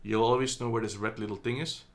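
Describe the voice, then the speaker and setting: With fairly even intonation and a medium pitch, a Dutch man speaks fast as he casually reviews a product. He's talkative but hesitant, with plenty of ums and self-corrections, recorded on a phone camera indoors.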